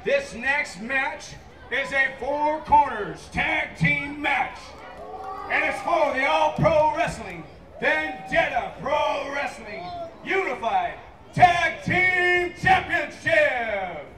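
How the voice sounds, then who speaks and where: A man works as a lucha libre style ring announcer, shouting theatrical introductions in a very high voice. He drags out each name slowly. The sound is distant and echoey, with music and a crowd around him. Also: lively intonation, background noise. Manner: booming, theatrical, stretches out names. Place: live wrestling event.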